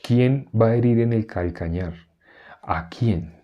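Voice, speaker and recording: A man's voice: fairly low pitch, highs cut off. A man teaching an interactive Bible class. He repeats verses and keeps asking the group questions. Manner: repeats verses slowly, chuckling now and then.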